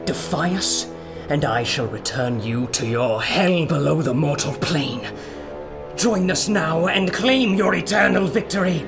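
Domineering cult leader, cold and formal, higher male voice, music bed. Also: expressive, unhurried, vocal fry. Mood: imperious. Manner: formal, imperious pronouncements.

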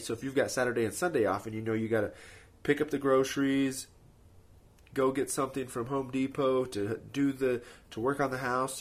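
Husky-voiced man giving casual productivity advice. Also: mid-range voice. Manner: practical motivational coaching, checks in with rhetorical tags. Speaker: host of a productivity podcast. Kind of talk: casual advice monologue, speaking off the cuff.

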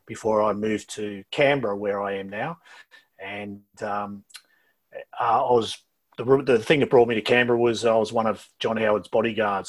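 A middle-aged Australian man answers interview questions over a low-quality video call. His voice is husky and sits fairly low. He talks in a halting, casual way, often repeating words before carrying on. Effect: low-quality video call audio. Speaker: interview guest.

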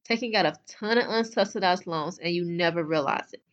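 A woman's voice: fairly low pitch, a little fast, dull audio. A young adult woman hosting a solo podcast, talking bluntly and chattily straight to her listeners. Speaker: podcast host. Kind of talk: casual solo podcast talk.

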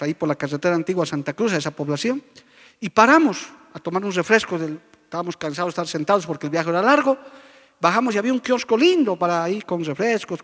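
A man's voice: high voice, a bit bright, big-room sound. A middle-aged man preaching a sermon as a pastor, fervent and often addressing his listeners as brothers.

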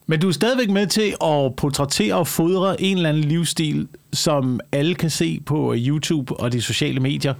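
Creaky-voiced man, slightly high. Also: few pauses. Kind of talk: casual discussion.

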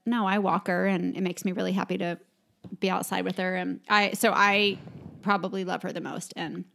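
A woman's voice: on the low side, flat delivery, moderate pace, creaky, a bit bright. A woman in her forties co-hosting a podcast, chatting in an upbeat, casual way about family. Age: 40s. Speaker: podcast co-host. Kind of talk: casual chat.

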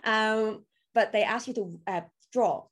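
A woman from Hong Kong, whose first language is Cantonese, chats as a podcast guest in a casual interview. She's a crypto coach telling her story with loose grammar and lots of fillers, in a slightly high, unhurried voice.

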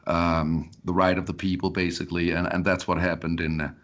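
A man's voice: sits low, little pitch movement, a little fast, fairly bright tone. A man from Denmark, a podcast guest, talking casually and often repeating words as he restarts sentences. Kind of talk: casual interview talk. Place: Colorado.

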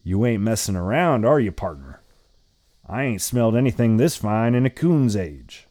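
A man's voice: fairly low pitch, big pitch swings, moderate pace, a little mellow, no echo, studio quality, voice pushed up. A man voicing a friendly small-town gas station clerk who talks in a folksy, drawling way. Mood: amused. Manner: folksy, drawling, good-humored.

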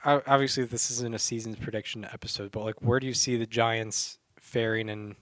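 A man co-hosting a laid-back sports podcast, his voice smooth and clear. He talks hesitantly, full of ums and restarts, recorded on a dry, close mic with no room sound. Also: mid-range voice, fairly even intonation, fairly quick, fairly bright tone, no room sound. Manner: hesitant, many fillers and restarts. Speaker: podcast co-host. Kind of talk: casual sports chat.

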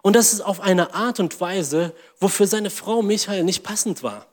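A man's voice: high voice, normal speed, big-room sound. A man preaching a sermon, reading scripture aloud and acting out mocking inner voices.

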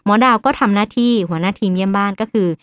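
A woman doctor hosting a podcast who tells a story in a lively way and acts out the voices of the people in it. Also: mid-range voice, rapid-fire, smooth, no room sound, clean studio sound.

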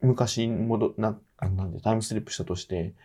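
A man co-hosting a podcast in casual chat, talkative and quick with short agreeing nods. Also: on the low side, fairly even intonation, mellow, breathy edge. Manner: chatty, reacts with short nods. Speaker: podcast co-host.

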